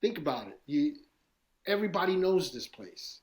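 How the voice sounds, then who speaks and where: A man's voice: a little high, normal speed. A man with a New York street accent, a guest artist talking in a casual podcast interview, rambling and swearing as he tells stories. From East New York, Brooklyn. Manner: profane, rambling, animated storytelling.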